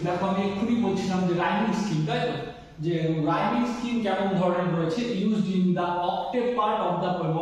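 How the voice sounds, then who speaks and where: A man teaching an exam-prep English lesson, reading each question slowly and often checking that his students follow. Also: sits high. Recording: echoey room, distant mic.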